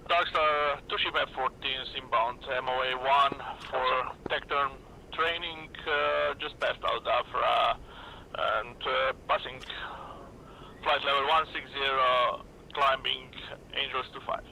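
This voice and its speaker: A man's voice comes through a radio channel as he makes clipped pilot calls, sharp and bright at the top with a gravelly, crackling edge. He keeps it terse and procedural, tossing out codes and short fillers in a flight-sim session. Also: medium pitch, fairly even intonation, takes it slowly. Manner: terse brevity-code phrasing with short fillers.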